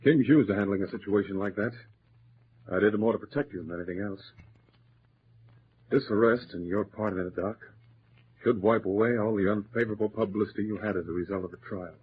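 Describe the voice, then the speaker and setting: An actor playing a steady, commanding, protective Mountie sergeant in a radio drama, authoritative and reassuring. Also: male voice, on the low side, fairly quick, lightly acted. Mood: calm authority. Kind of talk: 1940s radio acting. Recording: tinny, noisy old radio recording.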